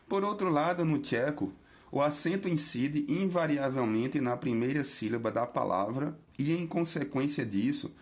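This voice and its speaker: Man, scripted lecture reading, measured, stresses example words. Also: mid-range voice, darkish tone. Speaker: reader of a linguistics text.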